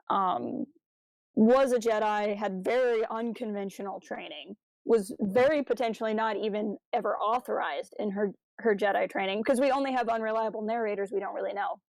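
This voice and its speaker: Here a female podcast co-host talks through a fan audio drama informally, breaking down its stories with enthusiasm and insight. Her mid-range voice moves at a moderate pace, captured with no room sound in a low-quality recording.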